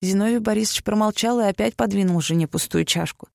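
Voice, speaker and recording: A reader narrating a literary story in a measured, even audiobook style. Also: medium pitch, creaky, no echo, studio quality.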